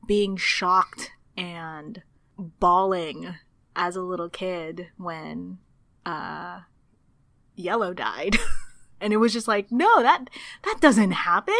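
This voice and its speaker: A Filipino woman in her thirties, appearing as a podcast guest, tells her story casually and animatedly, laughing often and acting out what she used to think. Her voice is lowish, with no room sound.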